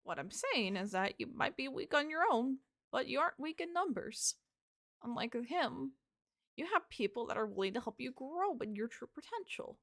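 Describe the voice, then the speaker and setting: A woman voicing a calm, wise old grandmother who mentors a young fighter in a game role-play, speaking in measured, reassuring counsel. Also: high-pitched, pitched above the performer's own voice, exaggerated voice.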